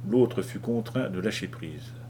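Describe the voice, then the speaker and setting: A man reads an audiobook in a rather low voice, telling the story with a measured, dramatic delivery. There is faint noise in the background. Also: lively intonation, dark tone. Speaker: audiobook narrator. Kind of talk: audiobook reading.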